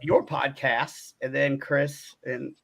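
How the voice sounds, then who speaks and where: A man's voice: mid-range voice, level tone, slow pace, creaky, fairly bright tone. A man hosting a casual online talk show, jokey and playful, laughing easily. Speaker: show host.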